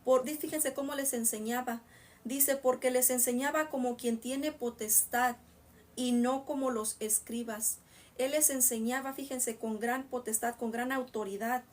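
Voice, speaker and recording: A woman's voice: on the high side, fairly even intonation, recorded from a distance. A woman reading Bible verses aloud and explaining them to listeners in a casual, rambling way. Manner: reads a verse slowly, then explains it in rambling asides to listeners. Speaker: Bible teacher.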